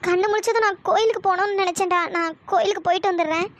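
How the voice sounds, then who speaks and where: A performer voicing a tender, worried young woman in a cartoon story, talking in a pleading, soft-hearted way. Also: extremely high pitch, fairly even intonation, racing, dry recording.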